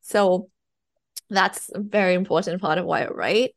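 At a moderate pace and a fairly low pitch, a young novelist from Thailand, whose first language is Thai, speaks English haltingly in a casual interview. She fills gaps with fillers and laughter, and the studio-quality recording has no room sound.

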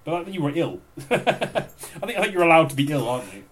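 A man's voice: a little high, big pitch swings, a little fast, a crowd in the background. A man co-hosting a podcast, chatting casually with many fillers and restarts. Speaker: podcast co-host. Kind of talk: casual chat.

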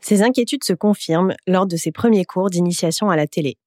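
Lady reading documentary narration, low voice, dry sound. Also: no room sound. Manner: even, measured reading. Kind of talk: scripted narration.

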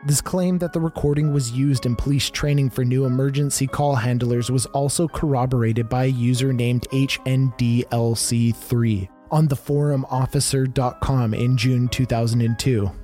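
A man with a dark, mellow tone narrates a scripted mystery podcast. He talks to his listeners as a conspiratorial storyteller sharing creepy tales. Music plays faintly behind his mid-pitched voice. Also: fairly even intonation, normal speed, hardly any pauses.

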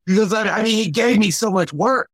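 A man's voice: sits high, fairly quick, a bit bright, no echo. A man who does comedy, chatting casually about his gigs with plenty of "you know". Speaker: comedian guest. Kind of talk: casual chat.

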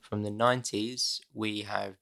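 A man's voice: lowish voice, flat delivery, a little slow, gravelly, bright, forceful tone. A man co-hosting a casual podcast, laid-back and self-mocking, chuckling often. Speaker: podcast co-host. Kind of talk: casual chat.

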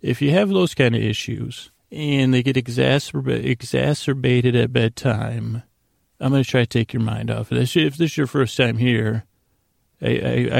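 A man with a heavily gravelly, creaky voice at ordinary pitch and a darkish tone hosts a rambling bedtime sleep podcast. He meanders through whimsical asides, halting and often breaking off to restart his thought. The recording is close and dry.

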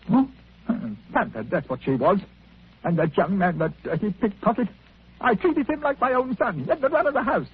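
A man's voice: sits high, animated, moderate pace, breathy edge, exaggerated voice. An actor playing a self-pitying, miserly old man who grumbles and complains, in 1940s radio acting. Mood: complaining. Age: older. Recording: tinny old radio broadcast.

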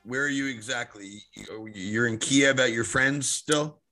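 A man's voice: medium pitch, measured pace, over loud music. A man hosting a podcast, introducing and interviewing, with a lisp that makes his s sounds slushy. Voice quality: lisping, slushy s sounds after oral surgery. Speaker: podcast host.

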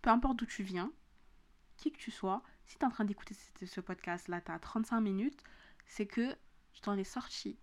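A woman's voice: medium pitch, moderate pace. A young woman with a southern French accent, hosting a motivational podcast in a casual, slangy monologue and repeating phrases for emphasis. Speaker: podcast host.

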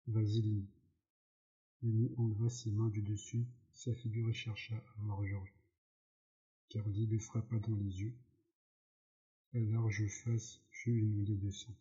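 Male audiobook narrator, plain reading with stumbles, dark mellow voice, slow. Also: lowish voice. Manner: slow reading with slips and self-corrections. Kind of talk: reading a novel aloud. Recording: dull lo-fi recording.

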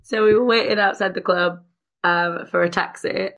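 A woman co-hosting a casual podcast, her voice bright and edged with a gravelly fry. She tells stories with energy and slips into the voices of the people she quotes. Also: mid-range voice, moderate pace. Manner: animated storytelling with quoted voices. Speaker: podcast co-host. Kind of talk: casual chat.

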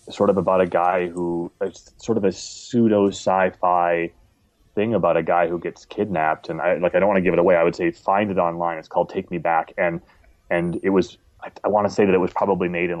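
A man's voice: deep voice, a little mellow, dry recording. A man giving a casual interview as an independent series maker, talking in a thoughtful, discursive, earnest way. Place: at home. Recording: dull, muffled lo-fi audio.

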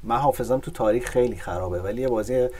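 A man hosting a podcast, chatting casually about football with animated storytelling and frequent laughs. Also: medium pitch, a little hiss or hum. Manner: animated storytelling, laughs at his own remarks. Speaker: podcast host.

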